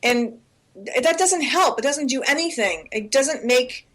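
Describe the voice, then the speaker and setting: An earnest woman in her forties co-hosts a casual talk show, pressing her points with repetition. Her voice sits a little high for a woman, and she talks over a remote call. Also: expressive, measured pace, fairly bright tone. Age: 40s. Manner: earnest, emphatic, repeats herself for stress. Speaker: co-host.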